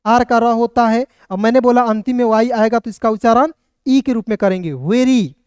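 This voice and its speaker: A man with a clear, smooth voice teaches English pronunciation step by step. He patiently repeats each question and answers it himself. The recording is close and dry, with no room sound. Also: very high-pitched, normal speed, a little mellow, no room sound. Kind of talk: online phonics lesson.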